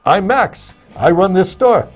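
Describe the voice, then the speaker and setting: A man's voice: high voice, expressive, a little slow, faint music behind, pitched above the performer's own voice. A man voicing an anxious, old-fashioned male shopkeeper in a joke, asking fretful, plaintive questions.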